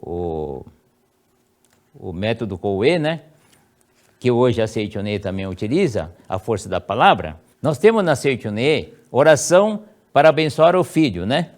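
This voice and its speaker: A middle-aged man with a Brazilian Portuguese accent giving a sermon for an online meeting. He recites prayers slowly and emphatically and fills his speech with many pauses. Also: medium pitch, big pitch swings. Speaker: lecturer of a religious movement. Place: home, recorded for an online meeting.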